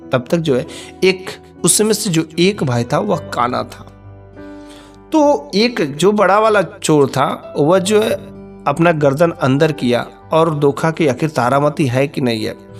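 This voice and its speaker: A man narrating a folk tale in a repetitive, homespun storytelling manner. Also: fairly high pitch.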